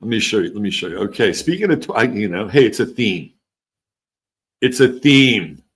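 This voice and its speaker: A livestream host with a blend of California and East Coast accents talks at a moderate pace in a fairly low voice with lively intonation. He chats loosely with viewers and reads their comments, rambling, trailing off, restarting, and swearing casually.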